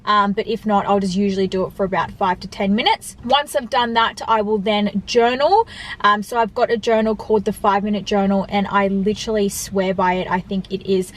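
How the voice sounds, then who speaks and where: A woman's voice: medium pitch, fairly even intonation, fairly quick, poor audio. A woman talking casually and emphatically to viewers in a vlog style while she eats. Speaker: online fitness coach and vlogger. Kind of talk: casual chat to viewers, mukbang Q&A.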